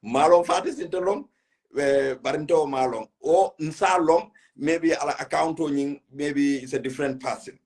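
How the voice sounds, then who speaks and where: His voice is on the high side and darkish, and he moves at a moderate pace. A West African man hosting a relaxed political live chat, he blends English with a local language, stressing and repeating his phrases.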